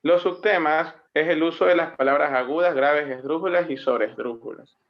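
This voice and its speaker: Male student, class presentation, fairly high voice, muffled lo-fi sound, explanatory, reads examples slowly. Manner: explanatory, slows down to read example words. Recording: muffled lo-fi recording.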